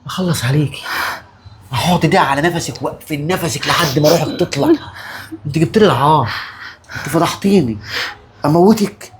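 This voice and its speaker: A woman plays a furious Egyptian older brother in a comedy sketch. The voice leaps all over and races ahead, sliding from bellowed threats down to low menace. Faint noise sits under it. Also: lively intonation, brisk, pauses often. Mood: menacing. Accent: Egyptian Arabic. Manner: ranting, threatening, swings from shouts to low menace. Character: hot-tempered young man, furious older brother.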